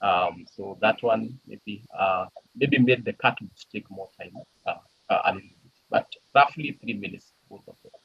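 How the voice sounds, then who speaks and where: Man, lowish husky voice, bright tone, hesitant answers, muffled dry call audio. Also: normal speed. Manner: hesitant, heavy on fillers. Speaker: challenge participant. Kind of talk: answering questions after a presentation.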